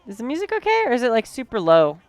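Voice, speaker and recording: A woman's voice: a little high, huge pitch swings, fast, a little mellow, clear, resonant tone, dry recording, soft background music. A woman streaming live from her sewing room late at night, tired, chatting casually with her viewers as she sews. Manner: chatty, talks to chat while working.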